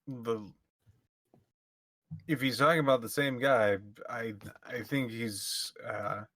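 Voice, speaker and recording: Male tabletop player, unhurried casual delivery, dry recording. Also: mid-range voice, a bit bright, no room sound. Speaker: player in a tabletop role-playing game. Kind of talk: casual in-character game talk.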